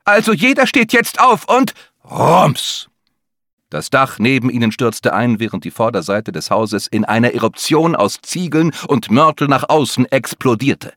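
Male narrator, lively dramatic read, dry close sound. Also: mid-range voice, no echo. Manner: tense, dramatic storytelling. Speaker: audiobook narrator. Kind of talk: scripted narration.

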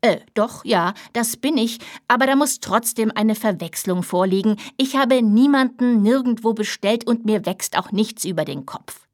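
A woman's voice: fairly high pitch, moderate pace, lightly acted. A woman voicing a harried, flustered father who stammers.

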